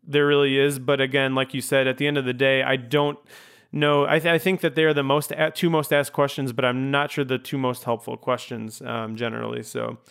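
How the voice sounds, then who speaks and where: A man hosting a podcast in a relaxed interview chat. His voice is smooth and clear at a middle pitch, and he wanders through his questions with frequent ums, uhs and self-corrections. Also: fairly quick. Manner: rambling, hesitant with many ums and restarts. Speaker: podcast host.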